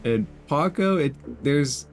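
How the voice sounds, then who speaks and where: Acting as game master for a tabletop fantasy game, a man improvises descriptions and rulings for his players. He speaks slowly and animatedly in a slightly high voice, with instrumental music playing beneath him.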